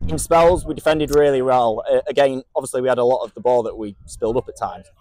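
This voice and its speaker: A man's voice: medium pitch, quick pace, darkish tone, no echo. A man asking a coach questions in a post-match interview. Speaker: club media interviewer.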